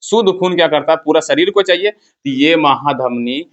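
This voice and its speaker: A man's voice: fairly high pitch, normal speed, dull audio. Teacher drilling his class. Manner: quizzes the class with call-and-response questions, repeating key terms. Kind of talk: classroom lecture. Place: classroom with students.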